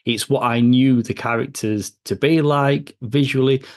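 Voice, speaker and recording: A man co-hosting a comics film podcast, talking casually and a little haltingly about a movie. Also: medium pitch, steady tone. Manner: chatty, with filler and restarts. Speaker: podcast co-host.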